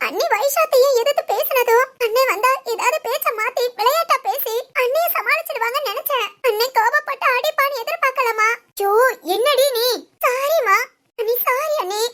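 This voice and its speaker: Cartoon drama: woman playing a pleading young wife, shrill and bright. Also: normal speed. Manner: pleading, apologetic. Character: young pregnant woman, tearful and apologetic. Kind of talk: animated family drama voice acting.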